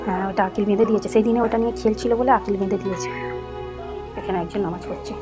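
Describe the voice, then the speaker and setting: A woman vlogging casually at home, tired from a sleepless night and keeping her voice soft. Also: mid-range voice, steady tone, racing, over music. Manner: chatty, talks softly to avoid waking the cat. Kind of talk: casual home vlog chat.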